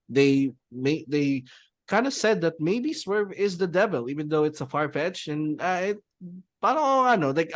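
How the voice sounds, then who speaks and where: A man chatting on a podcast, rambling with frequent laughs and Tagalog mixed in. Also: mid-range voice. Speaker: podcast co-host. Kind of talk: casual podcast chat.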